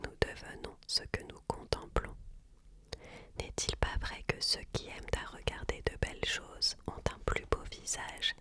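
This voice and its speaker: A person reading a book aloud as ASMR in a hushed library whisper, slowly and deliberately. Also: dry recording. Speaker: ASMR reader.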